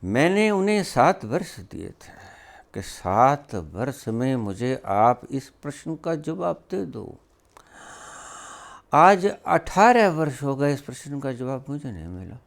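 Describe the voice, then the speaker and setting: A man delivers a spiritual discourse slowly, with long pauses between words. His pitch swings widely as he fires off rhetorical questions and scolds emphatically. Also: very animated, vocal fry. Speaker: spiritual teacher.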